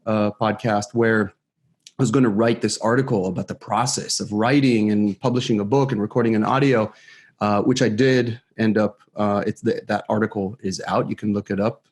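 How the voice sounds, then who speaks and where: A man's voice: lowish voice, fairly even intonation, moderate pace, a little mellow. A man from Israel, a security expert guest, talking casually in an interview with many fillers and restarts, recorded at home in his kitchen on a studio mic. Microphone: studio microphone.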